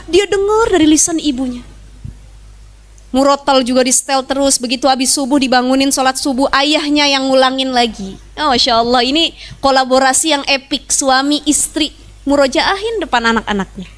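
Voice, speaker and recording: High-voiced chatty woman preacher. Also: a bit bright. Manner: chatty, joking, laughs often; acts out quoted voices. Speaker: Islamic preacher. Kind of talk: sermon to a women's gathering.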